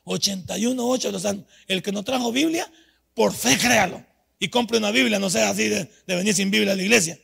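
An older man preaching a sermon in church, telling stories from his own life and swinging from quiet talk to shouting. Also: high-pitched, a little fast, gravelly, husky. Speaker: pastor.

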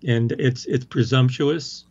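A man's voice: medium pitch, steady tone, slow, a little mellow, slightly rough, lo-fi sound. A man in casual conversation about a film, stressing his opinions and repeating his key points. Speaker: co-host discussing a film. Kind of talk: casual chat.

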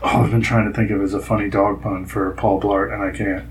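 A man's voice: lowish voice, flat delivery, a little fast, a little hiss or hum, low-quality recording. A young man chatting casually, telling rambling stories full of fillers. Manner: rambling, filler-heavy storytelling. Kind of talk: casual chat.

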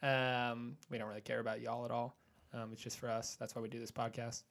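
A man's voice: mid-range voice, level tone, brisk, creaky, a bit bright. Male podcast host, playful, steers the chat. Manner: teasing, upbeat, leads the segment. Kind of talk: casual sports chat.

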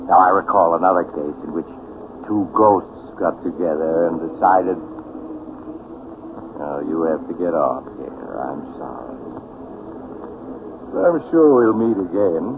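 A sinister, genial host of eerie 1940s radio tales. His low voice insinuates as it goes, through a narrow, noisy broadcast. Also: lively intonation, measured pace, pauses often. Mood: sly, eerie.

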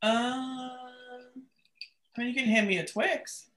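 A woman's voice: on the high side, fairly even intonation, takes it slowly, noisy background. An American woman chatting casually in a playful, colloquial way. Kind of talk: casual chat. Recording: echoey room sound.

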